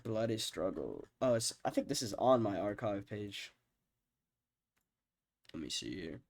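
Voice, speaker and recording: Sick with a stuffed-up nose, a young man ranks his own songs in rambling, casual screen-share commentary. His fairly low, gravelly, nasal voice has a sing-song quality at a measured pace, full of swearing and fillers, and he often fades off quietly.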